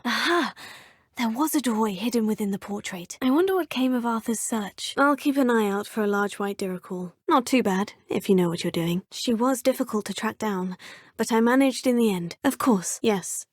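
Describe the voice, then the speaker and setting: Polite, earnest, and full of questions, the player character is a curious teenage girl studying wizardry who often murmurs to herself in these video game voice lines. The woman voicing her has a fairly high, slightly mellow, husky voice, captured on a close studio mic with clean sound and no echo.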